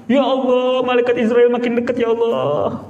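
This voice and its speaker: A man's voice: extremely high pitch, fairly even intonation, a little fast, highs cut off, voice pushed up. A man voicing a melodramatic young man who wails prayers as he faces death. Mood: wailing. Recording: echoey prayer room with crowd.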